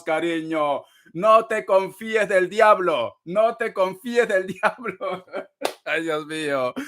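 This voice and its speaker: High-voiced man teasing as he reads tarot. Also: a bit bright. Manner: theatrical, teasing, calls viewers darling; laughs often between phrases. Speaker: tarot reader. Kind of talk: live-stream tarot reading.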